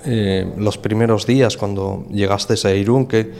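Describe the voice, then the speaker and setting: A man with a low voice interviews a language learner in a patient, teacherly way. He hesitates with fillers and stops to explain simple words. A faint hiss sits behind him. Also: fairly even intonation, a little slow, gravelly, darkish tone.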